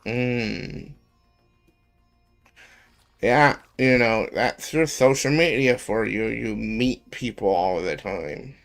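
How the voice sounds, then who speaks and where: A man in his twenties chatting casually on a live stream, rambling with lots of ums and pauses. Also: mid-range voice, gravelly, fairly bright tone, faint music behind. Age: 20s.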